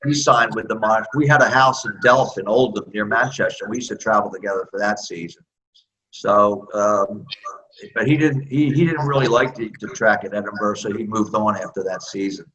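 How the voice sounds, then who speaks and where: A man's voice: on the low side, fairly quick, bright, forceful tone, lo-fi sound. A man in his sixties with an American accent, a former speedway rider telling candid, self-deprecating stories in a casual interview.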